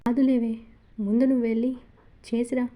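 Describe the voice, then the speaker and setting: A woman voicing a forceful young husband who gives curt orders, gruff with others and tender with his wife. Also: extremely high pitch, little pitch movement, brisk. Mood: affectionate. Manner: brusque, commanding.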